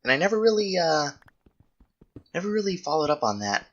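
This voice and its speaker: The speaker, a young adult video host, talks briskly at medium pitch with big pitch swings, and the highs are cut off. They ramble through viewer questions while gaming, thinking aloud and often correcting themselves.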